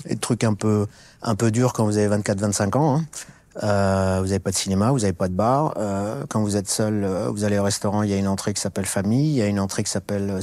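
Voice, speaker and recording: His voice is mid-range and a little mellow, recorded with no echo. He is a middle-aged man from Alsace in France, a business executive telling his story as a guest in a conversational interview, peppered with fillers and restarts.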